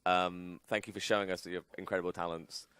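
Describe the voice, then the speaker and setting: A man co-hosting a charity stream, rambling through heartfelt shout-outs and thanks. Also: deep voice, little pitch movement, fairly quick, smooth, no echo. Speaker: stream co-host. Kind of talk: casual stream chat.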